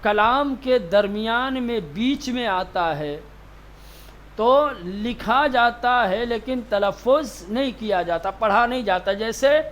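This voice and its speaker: A man teaching Quranic reading in a classroom asks questions and answers them himself while repeating key terms. His voice is extremely high and a bit bright, with lively intonation.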